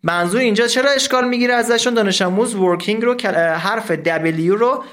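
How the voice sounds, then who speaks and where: In a recorded lesson, a man with a high, somewhat bright voice teaches English from a textbook, explaining step by step and pronouncing English words slowly.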